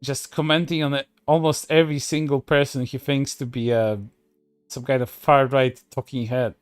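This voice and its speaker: A man's voice: mid-range voice, little pitch movement, moderate pace, clean tone, dry recording, studio quality. A man commenting on online posts in a sarcastic, profane way, with many fillers and restarts. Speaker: streamer.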